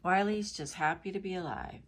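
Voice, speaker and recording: A woman's voice: on the low side, normal speed. A woman chatting casually and affectionately to her cats, drifting between cooing pet talk and rambling asides. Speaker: pet vlogger. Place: indoors at home. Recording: noticeable background noise, home video.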